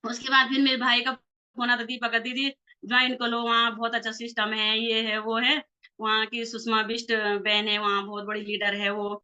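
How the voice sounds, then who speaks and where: A woman's voice: on the high side, completely flat delivery, moderate pace, bright, forceful tone. A woman, a network marketing leader, telling her personal story casually and acting out past conversations with animation. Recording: slightly dull lo-fi recording.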